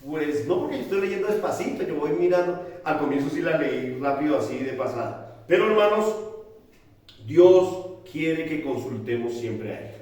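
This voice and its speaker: A man's voice: fairly high pitch, lively intonation, normal speed, darkish tone. A man preaching a sermon in a plain, conversational way, asking questions and answering them himself. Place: church hall. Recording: very echoey room, voice from a distance.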